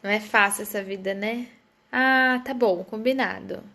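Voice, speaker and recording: A woman's voice: medium pitch, moderate pace, bright, forceful tone. A woman hosting a casual live stream, chatting and greeting viewers by name as they join. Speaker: live stream host, therapist.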